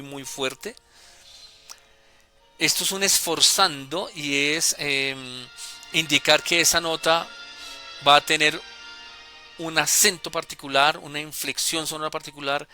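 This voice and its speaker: A man calmly explaining music notation as a teacher, deliberate and with small hesitations. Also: on the high side. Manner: deliberate, with hesitations and self-corrections.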